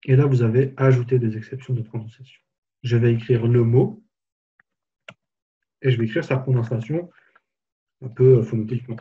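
A man giving a live software tutorial webinar, casually explaining each step as he clicks through it. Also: medium pitch, fairly even intonation, moderate pace, long pauses, husky, dull audio. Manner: casual, explanatory, walks through steps on screen. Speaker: software trainer.

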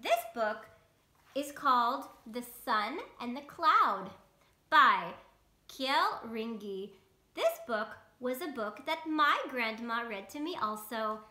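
In a small bedroom, a woman in her thirties hosts a bedtime story for young children, reading aloud in simple words and asking the listener questions. Her voice is on the high side, slow, pushed and bright, with lively intonation. The home recording sounds roomy and echoey.

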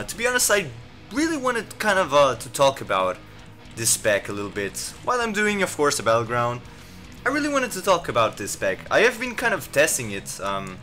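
A gameplay commentator, male and medium-pitched, talks live as he plays, rambling with plenty of fillers and restarts. He reacts with excitement to what happens in the game.

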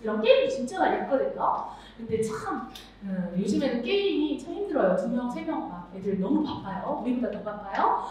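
A middle-aged woman teaching music to teachers at a seminar, animated, acting out voices and singing examples. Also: on the high side, fairly quick, hardly any pauses. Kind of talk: lively seminar lecture to teachers. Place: large lecture hall with audience. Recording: echoey hall, speaker far off, audience noise.

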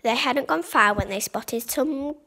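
A woman's voice: high voice, a little slow, a little hiss or hum. Woman reading a rhyming storybook. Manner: stumbles and restarts on words, animated in dialogue. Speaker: picture book reader. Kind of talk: reading a rhyming picture book aloud.

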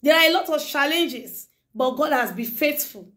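High-voiced woman preaching to her viewers. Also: lively intonation, normal speed, a bit bright. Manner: emphatic and preachy, repeats phrases. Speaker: YouTuber addressing her viewers. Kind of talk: casual monologue to camera.

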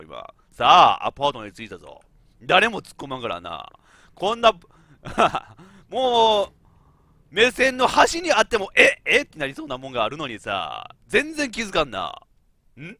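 A man's voice: sits high, moderate pace, dry recording. A man with a giving chatty, laughing let's-play commentary as a game streamer. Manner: animated, chatty, laughs often, talks to himself.

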